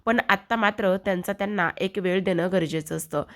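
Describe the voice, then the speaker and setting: Woman narrator, serial recap, steady storyteller. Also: medium pitch, a little fast. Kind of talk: retelling a TV serial episode.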